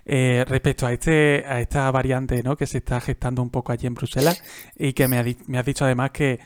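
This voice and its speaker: A man interviewing a guest, asking long, halting questions and giving short backchannel replies. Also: mid-range voice, flat delivery, dry recording, clean studio sound. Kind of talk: conversational interview.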